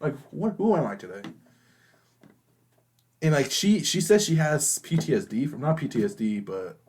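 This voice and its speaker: A man co-hosting a podcast, talking in a halting, hesitant way full of fillers and restarts. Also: mid-range voice, very animated, darkish tone, slightly rough. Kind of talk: casual chat.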